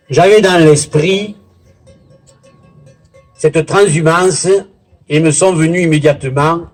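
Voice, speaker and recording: At a village festival in Bouisse, a local official addresses a gathering in a formal public speech that includes literary recitation. His oratory is deliberate and theatrical, with pauses, and his husky voice is fairly high and a little mellow.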